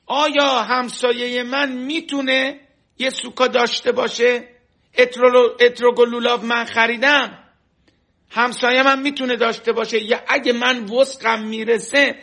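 Male religious teacher, high and bright-toned, lively storyteller who acts out quotes. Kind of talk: storytelling sermon. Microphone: online class stream.

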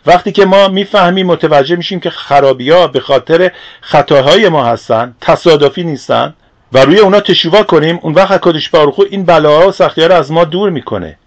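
Earnest man preaching a sermon. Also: fairly high pitch. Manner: earnest, explanatory preaching with rhetorical questions. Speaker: religious teacher. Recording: dull lo-fi recording.

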